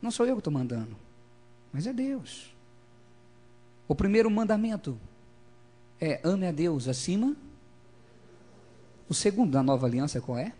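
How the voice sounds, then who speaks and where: Male preacher, husky and somewhat high-voiced, lively sermon delivery with call-and-response. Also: measured pace, long pauses. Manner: calls for congregation responses, swings between loud emphasis and quiet asides.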